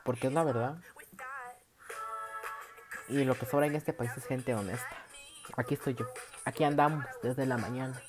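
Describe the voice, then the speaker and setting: Un hombre con acento centroamericano que habla en su podcast de forma casual, chismosa y presumida, con cambios dramáticos de tono. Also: male voice, steady tone, moderate pace, pauses often, music in the background. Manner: dramatic, gossipy and boastful, with big swings in pitch and loudness. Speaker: podcast host.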